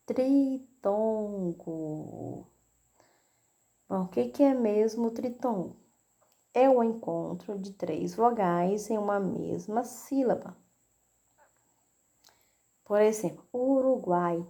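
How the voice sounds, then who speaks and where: Brazilian woman teacher, middle-aged, unhurried video lesson, patient and repetitive. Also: mid-range voice, mellow. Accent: Brazilian Portuguese. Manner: patient, repeats "né?" and "tá?" to check understanding. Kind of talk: recorded video lesson for children.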